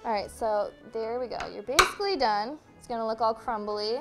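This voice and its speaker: Young woman, cooking segment host, cheerful, laughs a lot, slightly high voice, music behind. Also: brisk. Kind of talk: casual studio cooking demonstration.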